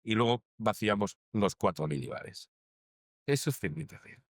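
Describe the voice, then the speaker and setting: A man's voice: fairly low pitch, moderate pace, no room sound. Man telling a salty anecdote, dry close sound. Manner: lively storyteller, salty language, acts out shouts. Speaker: documentary interviewee.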